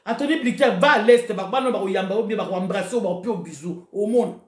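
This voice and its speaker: In an echoey room, a woman from Congo (DRC) with a Congolese accent speaks fast in a mid-range voice. As an online political commentator, she delivers a heated rant to her followers, switching between Lingala and French, urging them on and repeating phrases emphatically.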